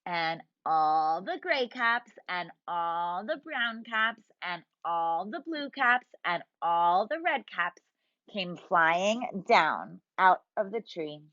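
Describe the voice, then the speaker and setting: A woman teacher reading a picture book aloud to young children, expressive and drawn out, asking them questions, in a dull lo-fi recording. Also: fairly low pitch, takes it slowly, no room sound. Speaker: preschool teacher.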